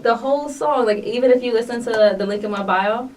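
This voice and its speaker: A woman's voice: fairly high pitch, a little fast. A young woman with a New York accent, a guest on a podcast, chatting upbeat with lots of fillers. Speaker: guest artist. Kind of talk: casual podcast interview. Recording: distant mic with faint noise.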